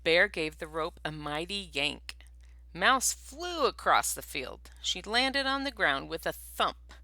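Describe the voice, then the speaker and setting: Expressive, lively woman teacher reading aloud. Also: fairly low pitch, takes it slowly, no room sound. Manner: expressive, asks the class questions. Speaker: first grade teacher. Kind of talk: reading a picture book aloud to a class.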